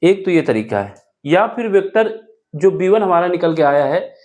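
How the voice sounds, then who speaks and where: Man, math teacher, higher voice, explains step by step, asks and answers his own questions. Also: sing-song, moderate pace, darkish tone. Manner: asks rhetorical questions and answers them, self-correcting aloud. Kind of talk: board-exam math lesson, explaining step by step.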